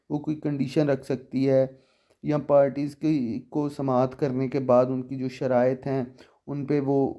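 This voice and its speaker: A man explaining a law section by section. He reads the statute text slowly, then explains it while asking the listener questions. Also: mid-range voice, warm tone. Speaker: legal explainer.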